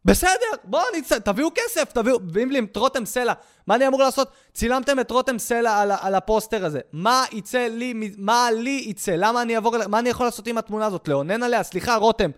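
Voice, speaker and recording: A man's voice: very high voice, hardly any pauses, dry recording, clean studio sound. A young man doing a stand-up comedy rant, crude and sarcastic, swinging between mock outrage and muttered asides.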